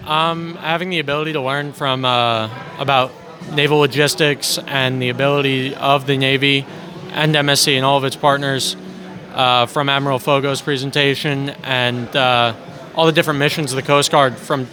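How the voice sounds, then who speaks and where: Bright young male cadet, hesitant. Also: medium pitch, fairly even intonation, moderate pace. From Freehold, New Jersey. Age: young adult. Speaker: college cadet. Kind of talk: casual interview answer.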